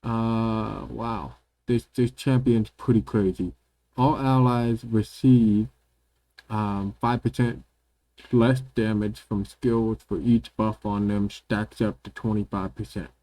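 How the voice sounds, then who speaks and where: A man hosting a gaming video, giving relaxed, casual commentary while he plays at his computer at home, filling pauses with lots of ums and repeating words. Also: on the low side. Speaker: gaming channel host.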